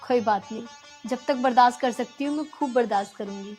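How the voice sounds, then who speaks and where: An actress playing a patient young daughter-in-law who pleads earnestly. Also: female voice, high-pitched, normal speed, faint music behind, lightly acted. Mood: pleading. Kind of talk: rural comedy drama acting.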